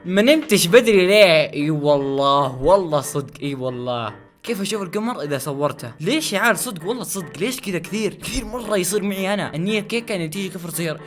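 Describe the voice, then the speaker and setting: A man doing casual reaction commentary as he tries not to laugh, excitable and often repeating phrases. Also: on the high side. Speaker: host of a try-not-to-laugh challenge video.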